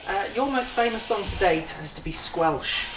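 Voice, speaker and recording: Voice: mid-range voice, animated, normal speed, music in the background. An interviewer asking prepared questions to an artist. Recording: echoey room with crowd noise.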